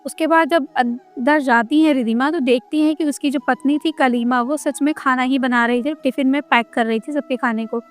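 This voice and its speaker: A high-pitched woman narrates a devotional tale in an easy, conversational way. She links each scene with repeated "then she says". Soft music plays faintly behind her. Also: steady tone, normal speed, hardly any pauses. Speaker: storyteller.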